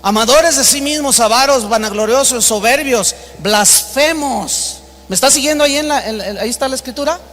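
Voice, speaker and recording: High, bright-voiced Mexican man preaching in a hall. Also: moderate pace. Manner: emphatic preaching, acts out quoted exchanges in a raised voice. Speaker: pastor. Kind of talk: sermon. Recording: long reverb of a large hall.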